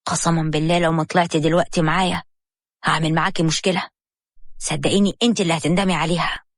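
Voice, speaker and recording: A woman voicing a stern, suspicious husband in an Egyptian accent, dropping her voice low. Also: steady tone, rapid-fire, dry recording, clean studio sound. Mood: threatening. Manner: stern, lowered voice.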